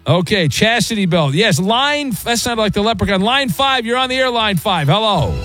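A man hosting late-night sports talk radio with a smooth radio host delivery, joking quickly with callers. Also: high-pitched, expressive, sharp tone, faint music behind. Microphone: studio microphone.

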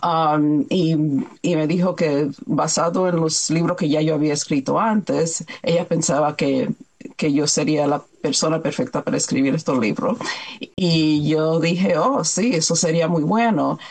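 A woman's voice: sits low, steady tone, normal speed, darkish tone, slightly rough. A woman from New York, a children's book author, talking in a radio interview and stopping now and then to search for words.

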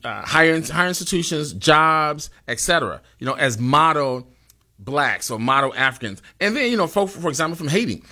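Halting male host with a bright, forceful tone. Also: on the high side, sing-song. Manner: halting, searching for words. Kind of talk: conversational discussion.

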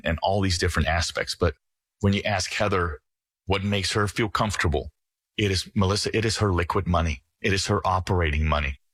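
A middle-aged man from the Netherlands, a financial advisor talking earnestly on a radio show in a folksy sales-pitch manner. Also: fairly bright tone, no echo.

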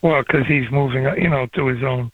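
A man's voice: mid-range voice, steady tone, brisk, slightly rough, no room sound. An older man calling in to a radio show from outdoors on an old flip phone. He rambles and hops from one topic to the next. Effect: old flip phone call. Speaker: caller. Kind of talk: casual call-in chat. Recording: dry, tinny phone line.

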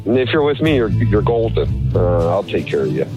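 A man talks on a collect call from prison, and the phone line makes him sound muffled and lo-fi. His voice is on the low side but moves a lot in pitch. He sounds reassuring and a little halting. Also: sing-song, music in the background. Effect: heard over a prison phone line. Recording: dull lo-fi phone call clip.

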